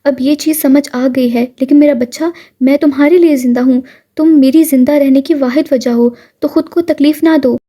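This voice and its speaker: Woman doing a soft patient mom from a storybook, high mellow voice, gentle. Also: steady tone, hardly any pauses, lightly acted. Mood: consoling. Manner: gentle, consoling. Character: grieving widowed mother, patient and devout.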